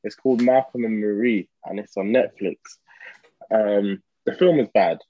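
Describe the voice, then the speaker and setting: A man's voice: fairly low pitch, normal speed, dry recording, highs cut off. A man with a London accent hosting a podcast in casual, slangy chat. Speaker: podcast host.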